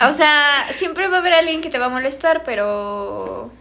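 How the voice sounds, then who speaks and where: A woman's voice: high voice, moderate pace, creaky, bright, forceful tone. A woman in casual chat, dropping wry interjections.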